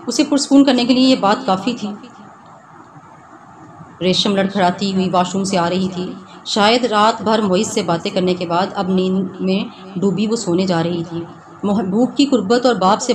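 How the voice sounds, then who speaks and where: Woman narrating a novel over hiss. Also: medium pitch. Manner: steady storytelling. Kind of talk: reading a romance novel aloud. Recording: noisy background hiss.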